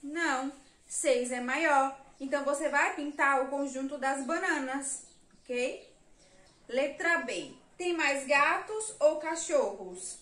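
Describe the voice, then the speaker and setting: Slow, patient woman teacher, echoey room. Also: high-pitched, fairly bright tone. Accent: Brazilian Portuguese. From Brazil. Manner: slow, patient, counts aloud and spells letters for children. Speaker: primary school teacher. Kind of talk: remote lesson for young children.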